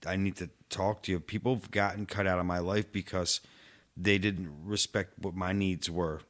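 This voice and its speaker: A man with a low voice chatting casually on a podcast, sincere and emotional in tone. His speech is loose and full of "like" as he works through his thoughts. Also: level tone, moderate pace, a bit bright. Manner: heartfelt, filler-heavy, says "like" constantly. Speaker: podcast co-host. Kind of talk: casual chat.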